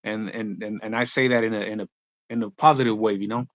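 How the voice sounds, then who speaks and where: The rapper guest, a native Spanish speaker born in Mexico and raised in California, keeps his interview chat casual and slangy, restarting often. He speaks at a quick pace in a fairly low voice with fairly even intonation, on a dry recording.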